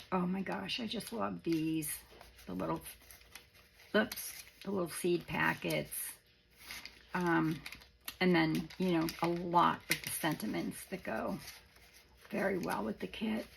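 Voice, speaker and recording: Woman showing off crafts, raspy croaky voice thats going, kinda low, rambly and casual. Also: a little hiss or hum. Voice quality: raspy, worn voice. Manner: halting, rambling, informal. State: voice starting to go after illness. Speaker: craft video presenter. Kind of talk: casual show-and-tell of a handmade journal.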